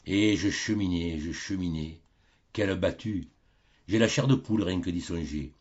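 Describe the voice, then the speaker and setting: Un homme qui lit un conte classique en livre audio, de façon théâtrale et expressive. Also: male voice, low voice, normal speed, lo-fi sound. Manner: theatrical, varied intonation. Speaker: audiobook narrator. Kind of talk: expressive storytelling reading.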